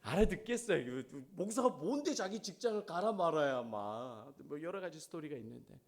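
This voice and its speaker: Male pastor, middle-aged, sermon, high-pitched, very lively pitch, questions to the congregation. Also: normal speed.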